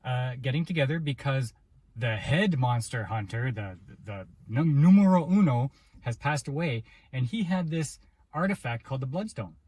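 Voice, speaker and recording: A man's voice: medium pitch, lively intonation, normal speed, a little mellow, breathy edge, no room sound. A man co-hosting a casual movie review chat, telling the story in a loose, rambling way. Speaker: podcast co-host.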